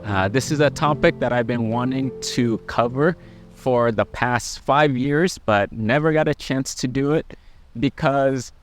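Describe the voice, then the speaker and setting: A middle-aged man who is a Buddhist monk, talking gently and earnestly to camera about life lessons, with frequent pauses. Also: medium pitch, soft background music. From Laos. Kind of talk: personal reflective talk to camera.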